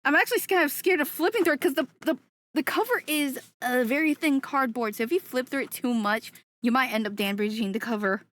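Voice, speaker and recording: A young woman streaming casually, excitable, often gasping and laughing, and swearing freely. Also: high voice, a little fast.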